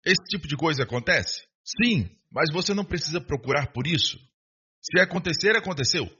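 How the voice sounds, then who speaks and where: A male preacher gives a sermon, posing rhetorical questions and calling for an amen. His slightly high voice is forceful, bright, and husky-edged, animated and fairly quick, in a dull lo-fi recording.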